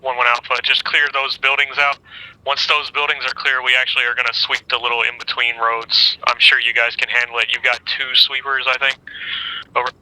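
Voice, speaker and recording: A man's voice: medium pitch, little pitch movement, fairly quick, bright, forceful tone, no echo, poor audio. A man calling over a radio with static bursts, leading his team with clipped radio procedure and casual slips in between. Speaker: team leader on squad radio. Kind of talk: military radio procedure in a game.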